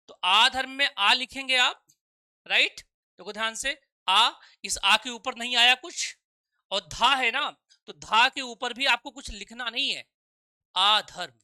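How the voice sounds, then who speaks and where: Bright, crisp-voiced man teaching a class. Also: high voice, no room sound, clean studio sound. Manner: repeats 'okay?' to check students follow; calls students 'children' and 'dear'. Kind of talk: live online exam-prep lecture.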